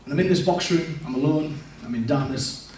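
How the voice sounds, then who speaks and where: A young church speaker with a darkish, high-leaning voice moves fairly quickly through a candid testimony, poking fun at himself and restarting often. He's recorded from a distance in an echoey church hall, with slight background noise.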